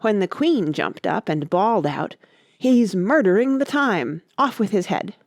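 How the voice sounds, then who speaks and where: Very lively, swooping delivery for an eccentric storybook gentleman acted out by a woman, argumentative and touchy. He lectures with contempt and a mournful streak, and the voice is gravelly at the edges in a dry, close recording. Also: medium pitch, unhurried, no room sound. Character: eccentric, touchy, mournful male Hatter at tea.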